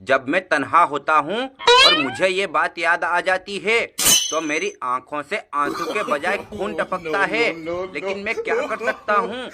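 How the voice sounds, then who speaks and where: A man voicing a bald, hot-tempered male onion in a comic cartoon, quarrelsome and loud. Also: high voice, sing-song, a little slow, over loud music. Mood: self-pitying. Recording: crowd noise behind.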